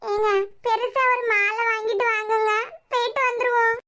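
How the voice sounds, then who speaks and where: A woman's voice: very high voice, flat delivery, moderate pace. A woman voicing a gossipy, fussing middle-aged village woman in a cartoon, with a Kanyakumari Tamil accent and a dramatic, scolding manner. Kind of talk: cartoon web series voice acting. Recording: loud background noise.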